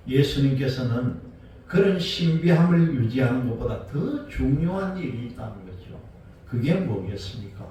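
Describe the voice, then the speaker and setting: A man's voice: on the high side, darkish tone, a little hiss or hum. Male pastor, Sunday sermon, rhetorical questions to the congregation, very reverberant sanctuary, distant mic. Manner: asks the congregation rhetorical questions and retells scripture. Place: church sanctuary. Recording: very echoey room, voice from a distance, faint ambience.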